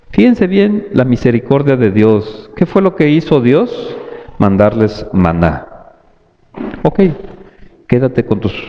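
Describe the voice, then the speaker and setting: A man preaching a sermon slowly and deliberately, often calling out to his brothers and sisters in the congregation. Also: mid-range voice. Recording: dull lo-fi audio with long church reverb.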